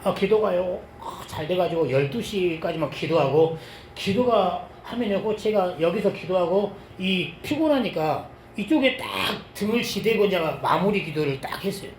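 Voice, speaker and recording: A middle-aged male pastor delivers a sermon built around a personal testimony, swinging lively between loud exclamations and quiet asides. His voice is fairly high for a man, moderately paced with hardly any pauses. The recording echoes like a church sanctuary over a faint hiss.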